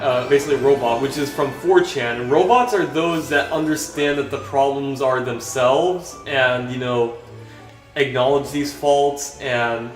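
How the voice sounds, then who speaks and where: A young male vlogger with a dry monotone voice at ordinary middle pitch talks in halting, rambling fragments packed with restarts and fillers while gaming. He's recorded from a distance in an echoey room, with game music clearly audible behind him.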